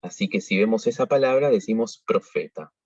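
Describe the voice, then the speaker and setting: Guy giving a pronunciation lesson, lowish husky voice, lots of little pauses, dull lo-fi audio. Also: a little mellow, no room sound. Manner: measured, explanatory, with frequent hesitations. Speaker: liturgical singing workshop teacher. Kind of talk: pronunciation tutorial. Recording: dull lo-fi recording.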